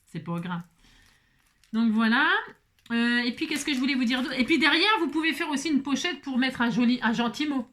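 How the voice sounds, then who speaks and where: A middle-aged woman talks her viewers through a craft project in a loose, rambling way. Her voice sits a little high, and she often stammers and starts over, tossing in self-mocking asides as she works. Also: a bit bright. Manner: stutters and restarts often. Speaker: craft vlogger. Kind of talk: casual crafting tutorial chat.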